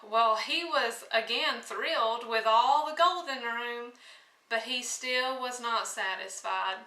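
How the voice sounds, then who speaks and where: A woman retelling a fairy tale in a casual, folksy manner. Her voice is bright and slow-paced. The recording is roomy and echoey, with the mic set back from her. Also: on the high side. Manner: folksy, with frequent fillers and restarts. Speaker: storyteller. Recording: echoey room, mic at a distance.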